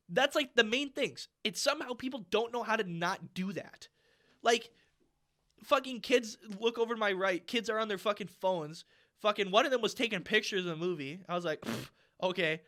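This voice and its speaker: Bright high-voiced young man ranting. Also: moderate pace. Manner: profane, animated, exasperated. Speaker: podcast co-host. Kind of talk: casual storytelling rant. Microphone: podcast mic.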